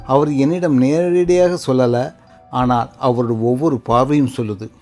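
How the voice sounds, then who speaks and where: A man reading a sad first-person story as scripted narration, slow and sorrowful in short measured phrases. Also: mid-range voice, a little mellow, soft background music.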